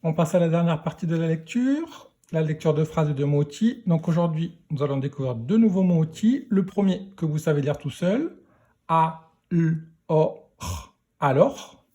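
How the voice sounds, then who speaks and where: A man teaching young children to read, sounding out syllables slowly and deliberately. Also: fairly high pitch, expressive, mellow. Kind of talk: reading lesson for young children.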